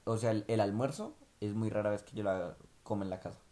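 A young man chats casually, drifting through his points with plenty of fillers. His voice sits low and sounds soft and mellow, never sharp. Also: fairly quick. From Colombia. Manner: relaxed, rambling with many fillers. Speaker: vlog co-host. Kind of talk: casual chat.

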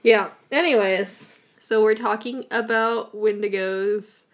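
A woman hosting a podcast from home in casual chat, blunt, bossy and quick to swear. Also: mid-range voice, fairly even intonation. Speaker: podcast host.

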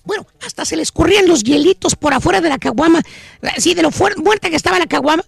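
A man's voice: extremely high pitch, fast talker, gravelly, no echo, clean studio sound, exaggerated voice. A man voicing a cartoonish, teasing gossip storyteller with a Mexican accent, in slangy Chicano-style Spanish peppered with English, for a comic radio bit. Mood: teasing, excited.

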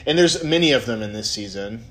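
A man's voice: medium pitch, animated, fairly quick, fairly bright tone. A man co-hosting a casual chat about a TV show, rambling and laughing as he goes. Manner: chatty, laughing, rambling asides. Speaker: podcast co-host.

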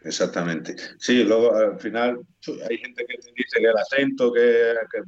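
A man's voice: medium pitch, normal speed, highs cut off. A man from El Bierzo in Spain with a Spanish accent, a rock guitarist telling stories as a guest in a casual interview, often restarting his sentences. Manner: animated storytelling, frequent restarts.

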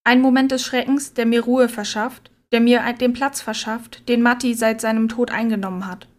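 A woman narrating a story in a quiet, subdued reading voice. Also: fairly high pitch, flat delivery, normal speed. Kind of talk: scripted audiobook narration.

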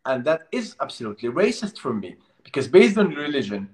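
A man's voice: medium pitch, very animated, a little fast. A Palestinian man giving an impassioned interview, pressing his points with emphasis and repeating words as he goes. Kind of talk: remote interview.

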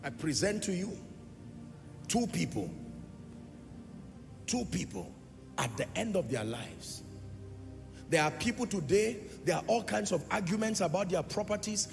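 A man preaching in a large church hall, his high voice carrying a gravelly edge. His phrases swell into a sing-song cadence and jump suddenly louder, and he throws questions back at the congregation. Long reverb trails after each line, with clear music playing underneath. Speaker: pastor. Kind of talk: sermon.

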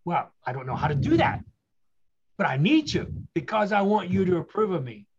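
A man's voice: high voice, sing-song, moderate pace, breathy edge, lo-fi sound. A man telling his story with earnest motivational emphasis. He asks rhetorical questions and repeats key phrases. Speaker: guest speaker.

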